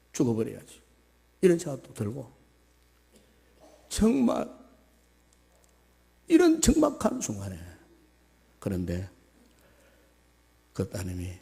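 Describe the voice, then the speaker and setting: A male pastor giving a Sunday sermon, swinging from soft musing to loud high exhortation and acting out quoted voices. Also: creaky, slightly rough. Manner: acts out quoted voices of a tearful daughter and her mother. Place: church sanctuary. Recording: church hall with long reverb.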